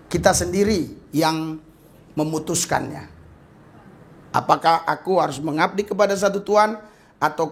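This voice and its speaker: A male pastor preaching a sermon, jumping in pitch and loudness for emphasis and acting out the people he quotes. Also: gravelly. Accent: Indonesian.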